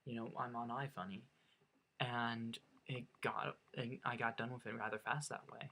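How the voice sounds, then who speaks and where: A young American vlogger with a slight Norwegian accent tells a funny personal story, chatty and self-mocking, stumbling into hesitant restarts. His mid-range voice is gravelly, pushed, and bright, with fairly even intonation at a normal speed.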